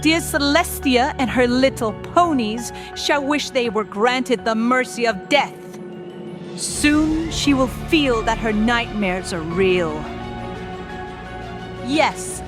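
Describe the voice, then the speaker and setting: Woman as slow, scheming villain Queen Chrysalis. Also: fairly high pitch, expressive. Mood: menacing, exultant. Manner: slow, grandiose, deliberate monologuing. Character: regal, scheming changeling queen, menacing and grandiose. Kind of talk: dramatic audio story acting. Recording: music behind the voice.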